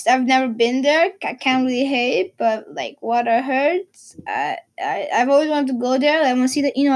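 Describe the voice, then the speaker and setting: Teen girl from portugal rambling thru a vlog, kinda high voice, lots of likes and restarts. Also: poor audio. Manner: rambling, many fillers and restarts. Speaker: vlogger. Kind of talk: casual chat.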